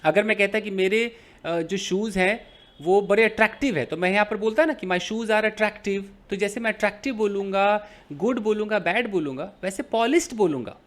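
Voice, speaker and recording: A man's voice: sits high, moderate pace, a bit bright. A man teaching an English grammar lesson in Hindi, explaining with everyday examples and asking and answering his own questions.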